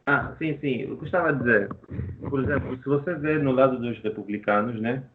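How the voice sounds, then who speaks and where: Man on a distorted, clipping call line. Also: mid-range voice. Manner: slow, halting delivery with frequent restarts. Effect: distorted, clipping voice over a bad call connection. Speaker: podcast guest. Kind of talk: casual panel discussion. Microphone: remote video call. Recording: tinny distorted call line with faint guitar music.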